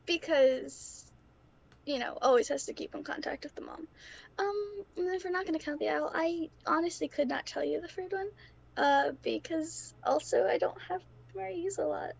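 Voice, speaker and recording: A woman's voice: very high-pitched, normal speed, creaky, lo-fi sound. A woman who is sick with a cough, chatting casually as a player on a tabletop show. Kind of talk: casual chat.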